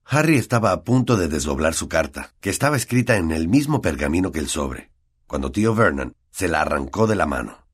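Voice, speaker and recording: A man with a Latin American Spanish accent narrating an audiobook in an expressive storytelling manner. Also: sits low, a little fast, slightly rough.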